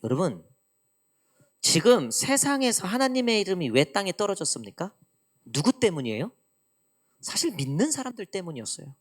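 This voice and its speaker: A woman pastor preaching a midweek church sermon in an animated way, acting out quoted lines. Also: on the low side, moderate pace, long pauses, slightly rough. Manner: animated preaching, acts out God's teasing lines. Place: church sanctuary.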